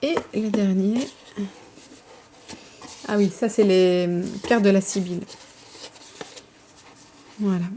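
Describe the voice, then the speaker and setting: A woman's voice: medium pitch, fairly even intonation, takes it slowly, pauses often, dark tone, a little hiss or hum. A woman, casually showing her card collection, chatty and hesitant with fillers and self-corrections. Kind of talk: casual show-and-tell.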